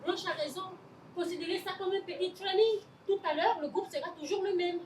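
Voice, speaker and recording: An actress playing a wry, teasing woman in a waiting room, with a dry, quick-witted delivery in an amateur stage play. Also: extremely high pitch, a little hiss or hum. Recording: stage voice from a distant mic.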